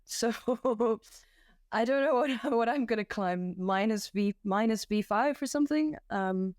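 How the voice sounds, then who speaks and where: A young Belgian woman, a climbing competition volunteer appearing as a podcast guest, talks casually and self-deprecatingly from the floor of a new room at home, with many fillers and restarts. Her voice is a little high and a little mellow, at a measured pace, and her home microphone setup gives clean, echo-free studio sound.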